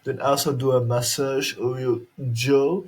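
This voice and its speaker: A Slovak video creator with a steady, mid-range, slightly husky voice speaks haltingly in a casual instructional vlog, repeating and restarting words while articulating carefully. He's recorded through a headset mic.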